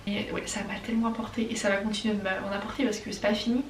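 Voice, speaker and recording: A young woman from France with a French accent, chatting casually and excitably as she answers viewer questions in a vlog. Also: medium pitch, racing, roomy sound, distant mic, very noisy. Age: young adult. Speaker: vlogger.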